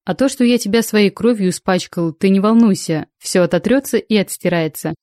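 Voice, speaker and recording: A woman's voice: medium pitch, a little fast, dark tone, dry recording, studio quality, close to an everyday voice. A woman voicing a stubborn, lovestruck male space pirate in an audiobook, speaking in a coaxing, self-assured way.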